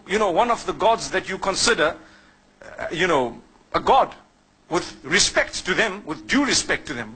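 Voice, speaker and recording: A man's voice: sits high, sharp tone, breathy edge, poor audio. A man from Zimbabwe giving a sermon as an Islamic preacher, speaking conversationally and putting questions to the listeners before answering them himself.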